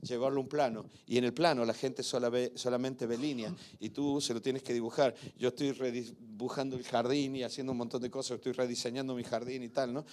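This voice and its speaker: Older male pastor in a church, mid-pitched, storytelling sermon that swells loud on key points. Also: little pitch movement, fairly quick, hardly any pauses.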